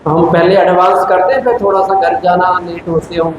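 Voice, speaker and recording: A man's voice: sits high, little pitch movement, normal speed. A man giving a spiritual discourse to a live audience as a teacher, asking emphatic rhetorical questions and explaining patiently. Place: large meditation hall. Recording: very echoey hall with clear background noise.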